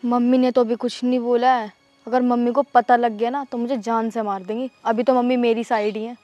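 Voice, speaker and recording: A woman's voice: a little high, level tone, a little fast, no echo, highs cut off, faint music behind, lightly acted. A woman as a fretful young village girlfriend. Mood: worried. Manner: anxious, pleading. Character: anxious young village woman in secret romance.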